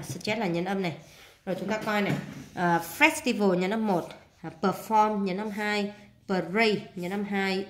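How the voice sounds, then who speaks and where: A woman's voice: medium pitch, background noise. Vietnamese woman teacher in an echoey room. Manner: steady explaining, frequent fillers and repeats. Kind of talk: casual spoken exam walkthrough.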